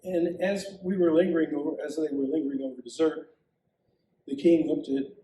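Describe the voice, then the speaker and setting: A male pastor preaching a sermon as a dramatic story told in the first person, with lively asides as he voices the characters. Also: fairly high pitch, normal speed, a little hiss or hum. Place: church sanctuary. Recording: echoey church heard from a distance.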